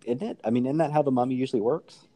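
A man's voice: mid-range voice, very fast, dark tone. A man from North Carolina co-hosting a podcast, chatting casually with dry sarcasm. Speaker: podcast co-host. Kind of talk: casual discussion.

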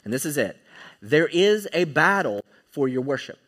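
A man's voice: fairly high pitch, sing-song, normal speed, fairly bright tone. A man preaching a sermon in church, emphatic and often checking in with his listeners. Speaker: pastor.

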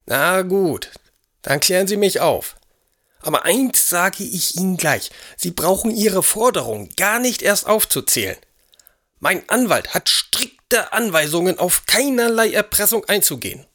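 A high, querulous old aristocrat in an audio drama, forever demanding and indignant. He barks orders with a lord's impatience. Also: expressive, measured pace, bright, forceful tone, exaggerated voice. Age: older. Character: elderly, imperious, irritable English aristocrat.

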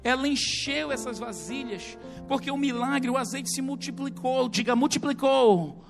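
High, gravelly-voiced male preacher. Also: moderate pace, soft background music. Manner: animated storytelling, calls on the congregation. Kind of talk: sermon.

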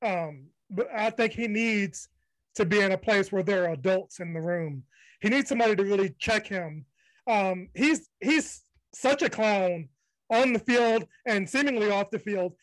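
Guy hosting a sports podcast, kinda high voice, blunt and dismissive, dry close sound. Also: unhurried, fairly bright tone, dry recording, low-quality recording. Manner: blunt, dismissive, wraps up segments. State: low energy from fasting. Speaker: podcast host. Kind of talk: casual sports chat.

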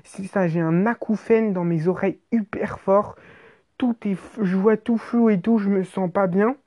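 A woman's voice: medium pitch, normal speed. Woman telling a wild comic story. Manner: animated, exaggerated, slangy with swearing.

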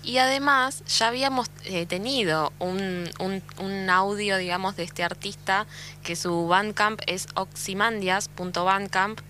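A woman's voice: mid-range voice, steady tone, measured pace, pushed and bright, a little hiss or hum. A woman with an Argentine accent chatting casually as co-host of a radio show. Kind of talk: casual chat.

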